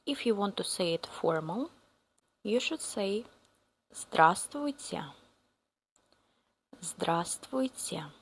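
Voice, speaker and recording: This Russian-accented woman teaches beginners, slowly repeating every phrase for them to copy. She has a medium pitch and an expressive, slightly rough voice.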